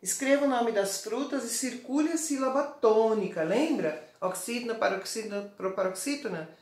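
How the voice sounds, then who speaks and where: Patient Brazilian teacher, echoey room. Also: female voice, on the high side, animated, a little mellow. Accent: Brazilian Portuguese. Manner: patient, explains slowly, frequent "tá?" checks. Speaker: primary school teacher. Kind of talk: recorded online lesson.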